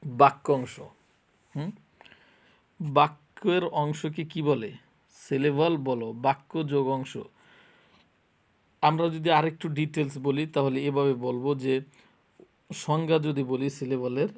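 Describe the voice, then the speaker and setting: A man's voice: mid-range voice, gravelly, darkish tone. A man with a Bangladeshi Bengali accent teaching an English grammar lesson. He asks questions and answers them himself, and repeats the key points. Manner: colloquial and repetitive.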